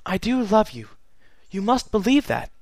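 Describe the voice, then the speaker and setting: A man's voice: high voice, sing-song, normal speed, no room sound, pitched above the performer's own voice, exaggerated voice. A man voicing Princess Celestia, raised and solemn. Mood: tender, pleading. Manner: solemn, earnest letter-reading. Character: regal, sorrowful immortal pony princess, woman. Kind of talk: fan fiction reading.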